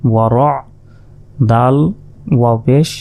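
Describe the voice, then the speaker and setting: A man's voice: mid-range voice, fairly even intonation, slow pace, dark tone, clear, resonant tone. A man teaching Quran recitation in Bengali with a Bangladeshi accent. He spells out letters and vowel marks one by one, then chants the joined word. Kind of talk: slow spelled-out Quran reading lesson.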